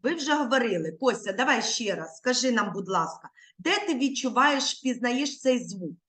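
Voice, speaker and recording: A woman's voice: fairly high pitch, lively intonation, moderate pace, fairly bright tone. A woman teaching young children in an online lesson over a video call, patient and coaxing.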